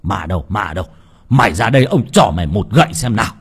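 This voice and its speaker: A man doing a gruff, belligerent old villager. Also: lowish voice, animated, quick pace. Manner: gruff, threatening.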